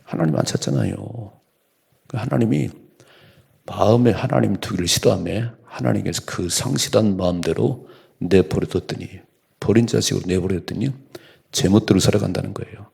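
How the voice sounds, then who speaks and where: A man's voice: lowish voice, normal speed, gravelly, darkish tone, husky. A man preaching as pastor at an early-morning church service, exhorting his listeners with emphatic urging. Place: church sanctuary.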